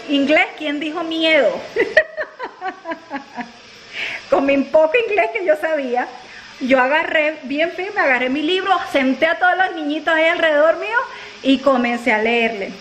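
A woman's voice: high voice, a bit bright. A woman chatting casually in a family vlog, telling stories and laughing often. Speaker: family vlogger. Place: at home, then in a car. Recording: noisy home video recording.

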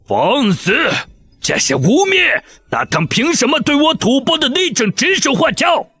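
A man voicing a hot-headed court official who shouts a sharp rebuke. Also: very high voice, sing-song, unhurried, voice pushed up, full character voice. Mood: furious.

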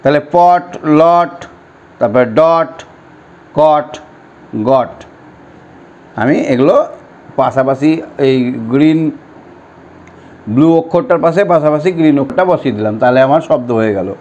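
A primary school teacher speaking slowly and patiently, drilling words and sentences for young children in an online lesson. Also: male voice, on the high side, a little mellow, dull audio. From West Bengal, India.

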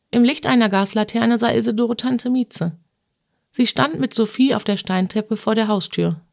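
A woman narrating a classic novel as an audiobook reader, lifting her voice for shrill outbursts in the dialogue. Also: vocal fry, darkish tone, no echo, studio quality. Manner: acts out dialogue with raised pitch for shrill outbursts.

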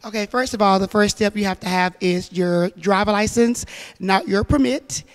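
A woman's voice: medium pitch, normal speed. A woman on school staff explaining a procedure step by step in a direct way. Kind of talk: answering questions in an interview. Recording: echoey room.

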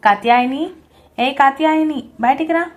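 A woman's voice: high-pitched, normal speed, lightly acted. Woman doing a harsh, threatening husband. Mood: yelling. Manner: yelling, threatening. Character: harsh, violent young husband.

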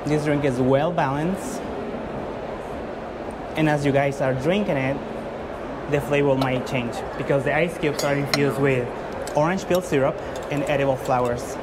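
A man's voice: medium pitch, measured pace. A man in his thirties from Guatemala, speaking English, earnestly presenting his drink to judges with frequent fillers and restarts. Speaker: competing barista. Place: large indoor exhibition hall. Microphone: far camera. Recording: loud hall noise from far off.

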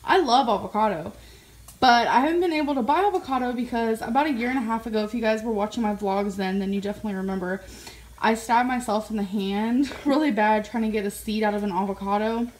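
A chatty young woman with a drawl talks straight into a phone held at arm's length, her voice a touch high and giggly. Faint noise hums behind her. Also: fast talker, darkish tone. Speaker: vlogger. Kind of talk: casual vlog chat. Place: parked car, home and store. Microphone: phone camera at arm's length.

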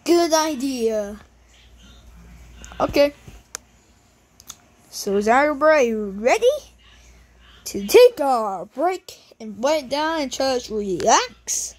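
A woman's voice: sits high, sing-song, slow pace, long pauses, a little mellow, rough recording. A woman improvising a plush puppet show, rambling with lots of fillers and switching between character voices.

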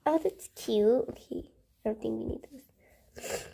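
A woman with a fairly high, creaky, slightly rough voice casually narrates gameplay as a channel host. She speaks at a very slow, hesitant pace while thinking aloud, her sentences often trailing away into soft murmurs.

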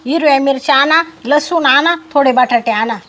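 A woman's voice: high voice, moderate pace, fairly bright tone. A woman playing a thrifty, bossy village wife in a comedy skit, talking with a homely, nagging manner. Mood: bantering. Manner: homely, rustic, nagging about money. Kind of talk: comic domestic banter.

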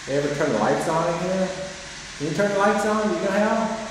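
A man's voice: high-pitched, fairly quick. A man investigating a haunted old jail, chatting casually and calling out to spirits. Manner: questioning, chatty, addresses spirits. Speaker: paranormal investigator. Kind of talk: casual ghost-hunting chat. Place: large echoey old jail indoors. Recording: echoey hall, noisy handheld camera audio.

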